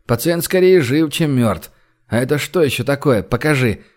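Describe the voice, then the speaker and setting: A man reading an audiobook, voicing a calm young man who jokes dryly and speaks gently. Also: medium pitch, moderate pace, natural voice. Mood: wry. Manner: dry, half-joking, gentle.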